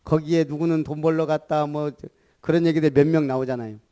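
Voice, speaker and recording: A pastor from Gunsan, Jeolla, South Korea, delivers an animated sermon in a high voice at a fairly quick pace. He asks rhetorical questions and calls for his listeners to repeat after him.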